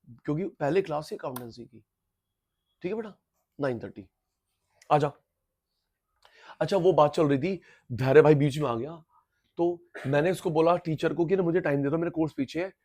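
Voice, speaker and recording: A man with a high voice lectures a live class. He hammers key terms through repetition and switches freely into English terminology. He gently scolds and teases his students as he goes. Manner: lively, repetitive drilling, mixing Hindi and English terms; teasing, scolds latecomers playfully. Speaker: teacher.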